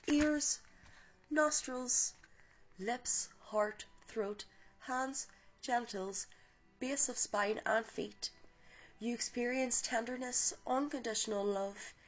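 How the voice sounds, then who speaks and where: Husky, gravelly woman reading a guided meditation. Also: mid-range voice, low-quality recording. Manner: soft, gentle, unhurried reading voice. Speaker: spiritual podcast host reading oracle cards.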